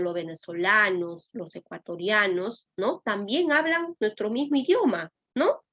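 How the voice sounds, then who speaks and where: A woman's voice: medium pitch, a bit bright. A woman teacher with a Lima Peruvian accent, giving a class lecture and often checking in with her students. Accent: Lima Peruvian Spanish. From Peru. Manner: addresses students directly, with frequent "¿no?" and "¿ya?" checks.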